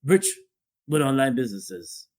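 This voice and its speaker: A podcast co-host with Guyanese family roots gives his casual take on relationships, repeating phrases for emphasis. He talks at a measured pace in a medium-pitched, sing-song voice with a darkish tone.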